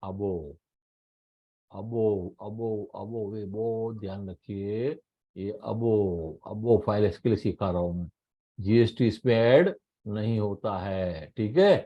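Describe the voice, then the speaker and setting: A middle-aged man with an Indian accent giving a training talk on tax law, speaking slowly and emphatically, repeating key points and mixing Hindi with English. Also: fairly low pitch, highs cut off. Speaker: insurance trainer.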